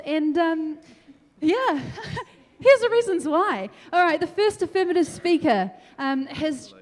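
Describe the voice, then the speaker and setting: High-voiced energetic woman debater in a hall. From New Zealand. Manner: energetic, animated, laughs between points. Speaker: debate speaker. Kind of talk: formal debate speech. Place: large council meeting hall. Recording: long hall reverb.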